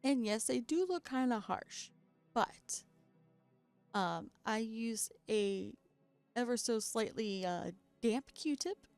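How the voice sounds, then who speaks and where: A woman gives a casual voice-over while customizing a doll, chatting along with frequent self-deprecating laughs. Having been up all night, she's very tired and her voice keeps cracking, though it's fairly high, clear, and resonant with a darkish tone, lively intonation, and a slow pace. Soft music plays behind her.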